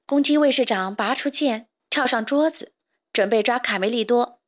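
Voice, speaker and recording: A woman narrating a children's storybook in a clear, lively storytelling manner. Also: fairly high pitch, normal speed.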